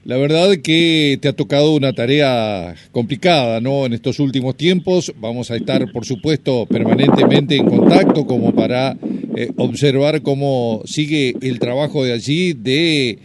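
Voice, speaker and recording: An Argentine man hosts a radio interview at a middle pitch. He puts his questions in a measured, conversational way, with a few fillers along the way. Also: heavy background noise. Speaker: radio host.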